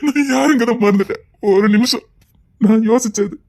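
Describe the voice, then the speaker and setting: A man's voice: very high voice, normal speed, a little mellow. An actor playing a grieving widowed father who is lonely and full of guilt, tearful and lamenting in a brokenly spoken TV serial scene. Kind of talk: TV serial acting.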